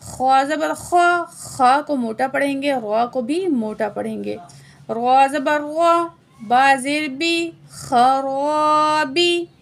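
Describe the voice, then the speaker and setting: A woman with a high voice teaches Quran recitation slowly, spelling out letters and vowel marks one at a time. She stretches each chanted word, then drops into brisk, quieter asides to answer her own questions. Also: gravelly. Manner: asks herself quiz questions and answers them in quick quiet asides.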